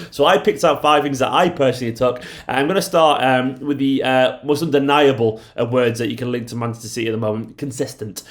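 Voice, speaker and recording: A man hosting a football fan channel, talking casually with emphatic, hyperbolic praise and repeated superlatives. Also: mid-range voice. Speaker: YouTube football channel host.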